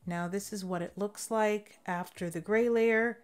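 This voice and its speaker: A young adult woman giving a relaxed, step-by-step voice-over for a DIY home decor tutorial. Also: medium pitch, a little slow, faint music behind.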